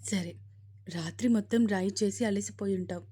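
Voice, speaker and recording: A woman's voice: medium pitch, fairly quick, dark tone, husky, close to an everyday voice. Commanding mother-in-law, as a woman narrator puts her on, firm, loving, middle-aged, audio story. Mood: commanding, affectionate.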